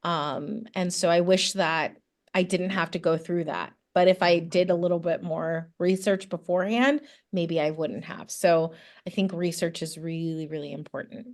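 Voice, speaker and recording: A woman guest on a podcast, a new yoga teacher, answering in a thoughtful, halting way with many ums. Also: fairly low pitch, steady tone. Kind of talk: casual interview answers.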